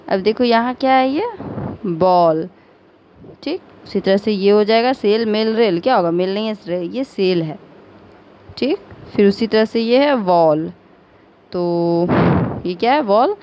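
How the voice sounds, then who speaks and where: A woman teacher with an Indian accent giving a recorded lesson, patiently spelling out words letter by letter and mixing Hindi with English. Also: mid-range voice. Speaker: school teacher. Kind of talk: recorded online class lesson. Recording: slightly dull lo-fi audio with faint noise.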